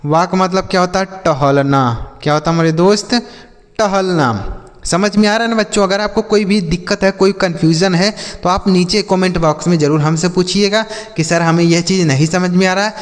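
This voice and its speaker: Hindi-accented male teacher spelling words slowly. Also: high-pitched, steady tone, big-room sound. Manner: spells letters slowly, then asks and answers his own questions. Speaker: English reading teacher. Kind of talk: spelling-out lesson for children.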